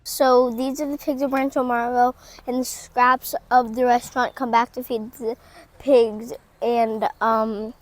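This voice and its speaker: Bubbly high-pitched woman vlogging. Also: level tone, measured pace. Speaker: host. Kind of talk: on-camera vlog greeting.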